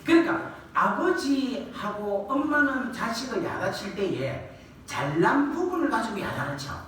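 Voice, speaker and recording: A man's voice: very high voice, a little slow, slight background noise. A male revival preacher, delivering a colloquial sermon and quizzing the congregation. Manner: lively, colloquial, asks the congregation questions and acts out quoted scolding. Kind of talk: revival sermon with call and response. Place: church sanctuary. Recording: echoey church hall, distant mic.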